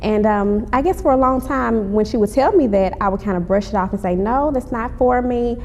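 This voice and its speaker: Talking a little fast with a darkish tone, a playwright and actress appears as an interview guest to promote her stage play. She replies politely and conversationally, saying ma'am to the interviewer, while the echoey hall adds a clear background rumble.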